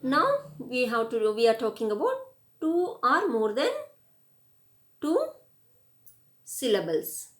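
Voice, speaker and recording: A woman's voice: on the high side, sing-song, takes it slowly, pauses often. A woman with an Indian English accent giving a grammar lesson, spelling words out letter by letter and reading word lists. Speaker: English teacher. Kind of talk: classroom grammar lecture.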